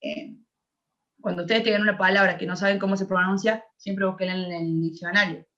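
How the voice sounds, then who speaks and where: A woman's voice: mid-range voice, fairly even intonation, fairly quick, bright, forceful tone. A young woman with an Argentine accent teaching an English grammar class, explaining patiently and checking that her students follow. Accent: Argentine Spanish. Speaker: English tutor. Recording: dull lo-fi audio.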